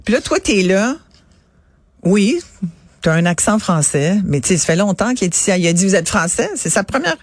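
A woman's voice: mid-range voice, big pitch swings, moderate pace, no echo. A woman with a Québécois French accent, telling an indignant story in a casual radio chat.

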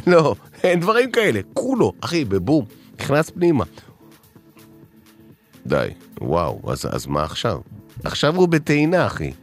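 A man's voice: on the high side, faint music behind, pitched above the performer's own voice. A man playing an overexcited acquaintance who rambles and keeps saying "listen". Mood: excited. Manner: excited, keeps repeating "listen". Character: overexcited man raving about his vacuum.

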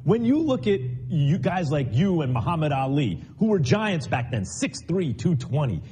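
A man interviewing a boxer, asking animated questions. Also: fairly high pitch, moderate pace, slight background noise.

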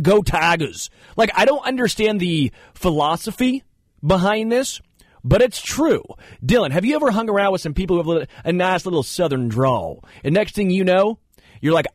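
Animated male radio host, dry studio sound. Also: sits high, no room sound. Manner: animated storytelling, puts on voices. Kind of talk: casual sports radio chat. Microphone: studio mic.

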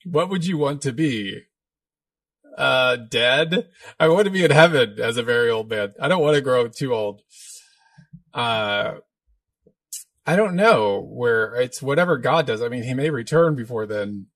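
A man's voice: mid-range voice, expressive, unhurried, a bit bright, dry recording. A man hosting a live question-and-answer stream as a minister, chatty and joking, laughing often. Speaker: podcast host, minister. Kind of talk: live Q&A chat.

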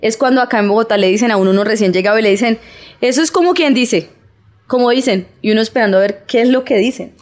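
A woman's voice: medium pitch, steady tone, very fast, few pauses, a little mellow. A woman from Colombia co-hosting a podcast in casual, teasing chat, laughing often. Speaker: podcast co-host. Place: podcast studio set.

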